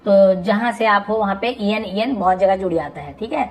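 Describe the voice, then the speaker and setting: Speaking at normal speed, a female tutor works through English vocabulary in Hindi. She booms out each term, then lowers her voice to explain it patiently, though the audio is poor.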